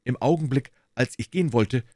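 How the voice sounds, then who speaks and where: A man's voice: mid-range voice, fairly quick, darkish tone, no echo, studio quality, voice pushed up, close to an everyday voice. A man voicing a nervous young man who explains himself to the police in a storybook reading. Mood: confessing.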